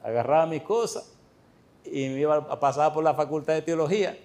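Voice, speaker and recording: A man's voice: a little high, brisk. Man preaching a story-filled sermon. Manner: lively storytelling, addressing the congregation with questions. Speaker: pastor. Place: church.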